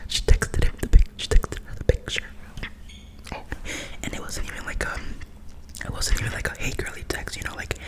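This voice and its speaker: Here a young woman shares gossip in a whispered ASMR storytime. She speaks in casual slang, chatty and animated, dramatizing every turn.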